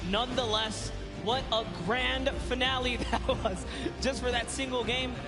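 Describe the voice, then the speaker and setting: A male esports co-caster with a very high voice, shouting hyped play-by-play from an arena desk. Loud music plays behind him throughout. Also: steady tone, unhurried. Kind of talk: live esports commentary.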